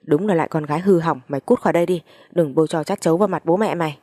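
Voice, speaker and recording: Woman reader as a harsh yelling father, low mellow voice. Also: very fast, no echo, clean studio sound. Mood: enraged. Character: enraged village father, harsh and shaming.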